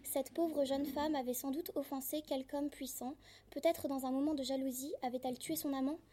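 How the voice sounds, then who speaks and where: A woman's voice: sits high, fairly even intonation, a little fast, dark tone. A woman reading a classic French story aloud, introducing it with hesitant fillers and then reading steadily. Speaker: reader.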